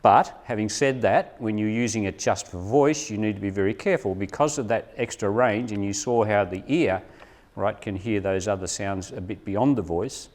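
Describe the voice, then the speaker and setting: Brief: man, slightly low voice, presenter at a teacher workshop, chatty, keeps asking "right?". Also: normal speed, a little mellow. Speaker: presenter at a teacher training session. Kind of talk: live demonstration talk. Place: meeting room with a live audience. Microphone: lapel mic, later a room camera mic from afar. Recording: distant room mic at times.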